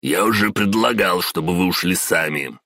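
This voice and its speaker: An irate office boss who barks and shouts at a subordinate, his voice jumping up in pitch when he loses his temper, as a male audiobook narrator puts him on. Underneath sits a very deep, gravelly voice, recorded dry and close. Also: moderate pace, no echo, full character voice. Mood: furious shouting. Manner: barking, shouting, then pleading in terror. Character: irate middle-aged male department boss.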